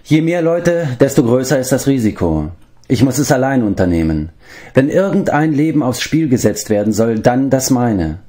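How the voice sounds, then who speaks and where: A man's voice: medium pitch, big pitch swings, normal speed, mellow, voice pushed up, lightly acted. A man voicing a stern, resolute male warrior lord who speaks in a grave, commanding way. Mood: firm.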